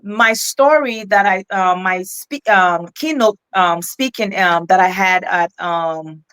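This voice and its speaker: A woman's voice: medium pitch, slow, fairly bright tone, clear, resonant tone. A middle-aged woman from Ghana with a West African accent, telling her life story as an interview guest in an earnest, reflective way with many restarts. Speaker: guest, keynote speaker.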